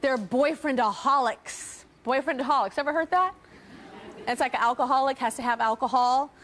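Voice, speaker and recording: A woman's voice: high voice, normal speed, a bit bright, slight background noise. Brassy, laughing woman talk show host in her thirties. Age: 30s. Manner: brassy, laughing, teasing address to the audience. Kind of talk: talk show hosting and interview.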